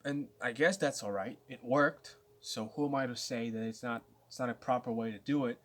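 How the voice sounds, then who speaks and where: Young man, nineteen, casual vlogger; rambling, halting, mid-pitched voice. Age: late teens. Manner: rambling, with many restarts and stammers. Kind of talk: casual talk to camera.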